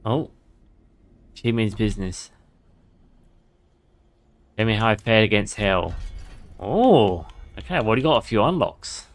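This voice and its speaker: A man streaming a game and chatting away in a somewhat low voice. He swears freely and laughs often as he talks with his viewers. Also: lively intonation, measured pace, long pauses. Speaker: gaming streamer. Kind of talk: casual gameplay commentary.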